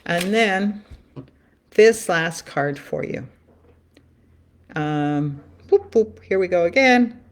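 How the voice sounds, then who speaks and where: A woman's voice: fairly low pitch, lively intonation, very slow, long pauses. A woman talking on her own in a loose, earnest way, repeating phrases as she draws cards and muses. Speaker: spiritual card reader. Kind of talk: musing solo livestream talk.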